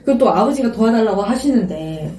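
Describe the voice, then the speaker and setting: A young woman in her twenties tells her story earnestly and reflectively, as if she is talking through her memories. Her tone is soft and mellow. She sits some way from the mic, and the room gives her voice a clear echo. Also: a little high, expressive, fast talker, slight background noise. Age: 20s. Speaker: guest. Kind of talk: casual interview chat. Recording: roomy sound from a distance.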